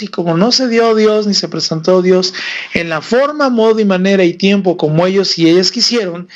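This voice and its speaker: A man's voice: high voice, dull audio. A man preaching on a live stream about faith, asking the audience rhetorical questions, with a Mexican Spanish accent.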